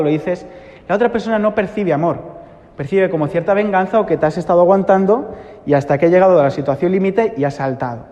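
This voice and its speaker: Priest preaching in a reverberant church. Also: male voice, a little high, a little mellow, lo-fi sound. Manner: earnest, repeats phrases for emphasis. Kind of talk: sermon.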